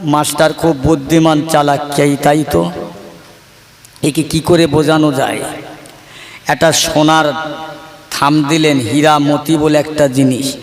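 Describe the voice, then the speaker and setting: A high-pitched male preacher tells a sermon story in a rhythmic, sing-song chant, addressing his listeners directly. His voice rolls through a large hall, drenched in roomy echo and long reverb. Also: flat delivery, a little slow, long pauses, crowd noise.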